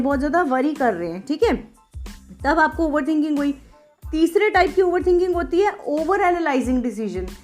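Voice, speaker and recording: High-voiced woman explaining self-help. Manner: teacherly, repeats points with frequent check-ins; mixes English terms into Hindi. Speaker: podcast host, doctor.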